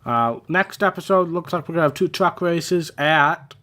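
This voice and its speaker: A young man giving casual, rambling commentary over his racing game, a little hoarse and self-deprecating, with many fillers. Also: a little high, normal speed, sharp tone. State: slightly losing his voice. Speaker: gaming channel host.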